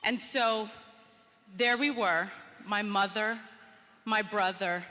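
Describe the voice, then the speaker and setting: Woman, 30s, storytelling keynote speaker, crisp bright voice, reverberant hall. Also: mid-range voice, slow. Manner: storytelling, acts out quotes with rising energy. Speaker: public speaker. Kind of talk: motivational conference speech. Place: conference hall, indoors.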